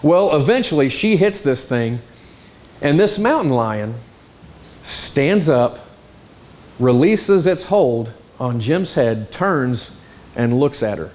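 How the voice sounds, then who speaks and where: A man preaching a sermon, telling a story in an animated, exclamatory way. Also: medium pitch, takes it slowly. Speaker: pastor.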